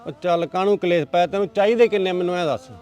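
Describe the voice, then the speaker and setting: A man's voice: high voice, rapid-fire, darkish tone, close to an everyday voice. A man playing a blunt, impatient village man in a village drama. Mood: gruff. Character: gruff village man sitting at the bar. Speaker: brother-in-law.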